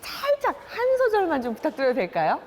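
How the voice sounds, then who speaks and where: Female interviewer, friendly and encouraging, slightly high, animated delivery. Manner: friendly, encouraging, quick to react. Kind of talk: casual interview talk.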